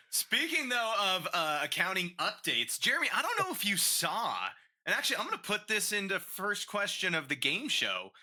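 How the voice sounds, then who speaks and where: Lively, bright-voiced male podcast quizmaster. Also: high-pitched, normal speed. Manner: playful, jokey, lively quiz-host delivery. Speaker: podcast co-host and game show quizmaster. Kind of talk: casual chat.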